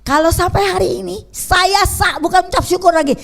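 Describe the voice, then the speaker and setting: An older woman from Bangka preaching a testimony sermon, telling stories in a lively way and often asking the congregation "ya kan?". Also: very high voice, a little fast, creaky. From Pangkal Pinang, Bangka, Indonesia. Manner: lively storytelling with frequent rhetorical "ya kan?". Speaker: preacher, evangelist.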